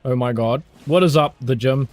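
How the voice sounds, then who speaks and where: A man's voice: mid-range voice, normal speed, a little mellow, faint music behind. A young man with a New Zealand accent chatting casually with his viewers, loose and jokey, swearing freely and laughing often. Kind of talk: casual chat.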